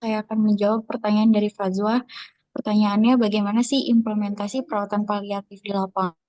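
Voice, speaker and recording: A woman's voice: medium pitch, little pitch movement, a little fast, darkish tone, dry recording. Young female student reading a formal answer; voice heard through a breaking-up video call, dry and level-jumping. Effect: choppy audio dropping out over a bad connection. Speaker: student presenter. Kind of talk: formal class presentation over video call.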